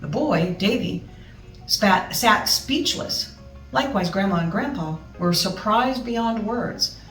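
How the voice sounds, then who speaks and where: A woman reads a children's story aloud with expression and chatty asides. Her pitch is average. The recording is quite roomy and a bit distant, with music behind her. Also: lively intonation, slow, a bit bright. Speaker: storybook reader.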